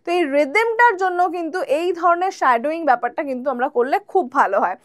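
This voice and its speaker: A high-pitched woman teaches a spoken English lesson. She explains patiently, poses her own questions and answers them. The sound is close and dry. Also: expressive, brisk, fairly bright tone, no room sound.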